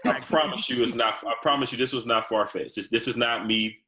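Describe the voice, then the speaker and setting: A man's voice: medium pitch, fairly even intonation, fairly quick, a crowd in the background. A man on a casual sports podcast who is playful and laughs easily, often stuttering as he restarts his sentences.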